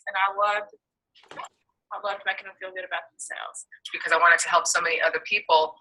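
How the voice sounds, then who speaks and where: A woman's voice: on the low side, steady tone, brisk, bright, forceful tone, low-quality recording. A woman in her fifties giving an upbeat coaching testimonial. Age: 50s. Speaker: fitness coach.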